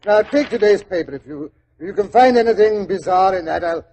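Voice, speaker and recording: An actor playing a genial, chatty older doctor in 1940s radio style, an avuncular and hesitant storyteller. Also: male voice, sits high, lively intonation, brisk, dark tone, slight background noise. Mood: amused, sceptical. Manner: avuncular, hesitant, chuckling raconteur. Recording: old 1940s radio recording.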